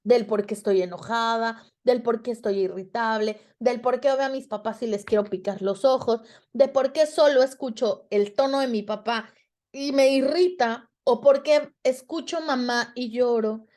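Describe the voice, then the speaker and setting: A woman's voice: a little high, moderate pace, a little mellow. A woman with a Mexican Spanish accent giving a reflective talk to students about emotions, speaking expressively and acting out quoted dialogue.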